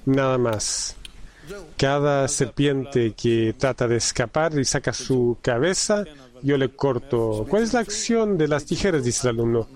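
A man interpreting a spiritual lesson live. He relays it in halting phrases, with frequent restarts and repeated words. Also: medium pitch, expressive, darkish tone. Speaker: simultaneous interpreter.

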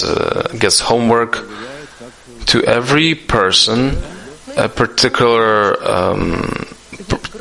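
A man gives a live spoken interpretation of a question-and-answer session, often halting, restarting and using fillers. His mid-range voice has a sharp tone, and the recording is rough.

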